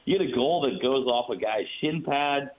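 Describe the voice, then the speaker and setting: Heard over a muffled, phone-like remote connection, an American man who works as a radio play-by-play announcer gives conversational sports analysis as a guest. His mid-range voice has lively intonation at a moderate pace.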